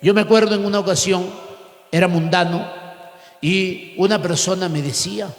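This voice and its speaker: A man with an Ecuadorian accent preaching a fervent sermon in a church hall, often shouting and then dropping soft. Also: high voice, steady tone, normal speed. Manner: fervent, shouting, swings between loud and soft. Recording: echoey hall with long reverb.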